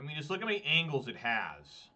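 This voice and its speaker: A man's voice: a little high, wildly swooping pitch, quick pace, pushed and bright, dull audio. A man thinking aloud in a casual, muttering way while he plays an online card game, with exasperated asides. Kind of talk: thinking aloud over gameplay.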